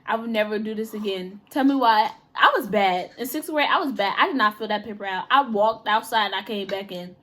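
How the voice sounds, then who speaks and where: A young woman in casual chat, telling school stories in an animated way and acting out the people she quotes. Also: mid-range voice, brisk, hardly any pauses. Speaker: storyteller.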